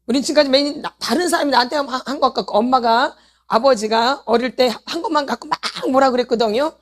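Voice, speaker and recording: A woman's voice: high-pitched, fast talker. A woman, a pastor's wife leading a healing meeting, preaching a sermon and pressing her congregation with repeated rhetorical questions. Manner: addresses the congregation directly, calls for repentance.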